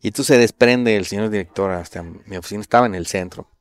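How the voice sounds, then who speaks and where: A middle-aged man with a Mexican accent, casually telling stories as an interview guest, full of slang and swearing, animated when he quotes others. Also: fairly low pitch, fast talker. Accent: Mexican Spanish.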